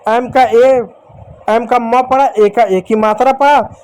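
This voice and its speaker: A man gives a lesson at the board. His voice sits very high for a man. He keeps asking the class questions, then answers them himself with patient repetition. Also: steady tone, takes it slowly, darkish tone, clear, resonant tone, rough recording. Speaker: English teacher.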